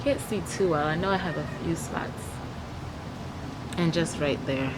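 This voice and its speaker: A woman's voice: low-pitched, measured pace. Young woman vlogging outdoors, noisy background. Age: young adult. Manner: chatty, explains step by step while applying makeup. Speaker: beauty vlogger giving a makeup tutorial. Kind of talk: casual vlog tutorial, talking to camera. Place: backyard outdoors, leafy garden. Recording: noisy outdoor ambience, traffic hum. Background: outdoor ambient noise.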